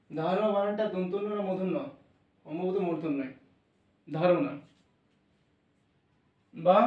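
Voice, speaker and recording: High-voiced male teacher in roomy classroom. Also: highs cut off. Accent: Bengali. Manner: informal, reassuring, addresses students familiarly, thinks aloud. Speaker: maths teacher. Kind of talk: classroom lesson. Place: classroom with blackboard. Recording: roomy, voice from a distance.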